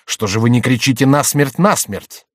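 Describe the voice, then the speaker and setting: A man's voice: mid-range voice, lively intonation, moderate pace, no room sound, studio quality, close to an everyday voice. Man voicing a stern, imperious royal duke. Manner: stern, menacing.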